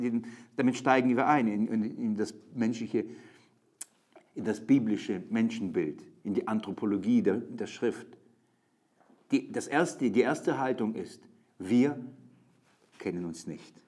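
A husky, somewhat mellow, lowish male voice moves unhurriedly, with long pauses, as a preacher teaches the Bible to a group. He is an adult with a young daughter, chatting loosely with frequent fillers and restarts, then reading verses with mounting intensity.

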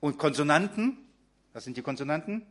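A man's voice: on the high side, expressive, brisk. A man preaching a sermon in German, talking directly to his congregation with frequent fillers and restarts.

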